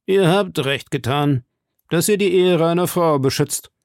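A silky, commanding older cardinal, read by a man in a storybook reading, weighing each word slowly. His voice is gravelly, with a dry, close sound and no room around it. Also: a little high, no room sound, voice pushed up. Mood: probing. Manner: measured, slow, probing. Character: stern, silky older male cardinal of high rank. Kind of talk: audiobook reading.

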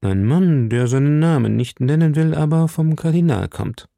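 A formal, polite convent abbess, as a male audiobook reader voices her, courteous and plain in delivery. The voice is dark and mellow, with lively movement in pitch. The sound is dry and close. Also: moderate pace, creaky, no room sound. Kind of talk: audiobook reading.

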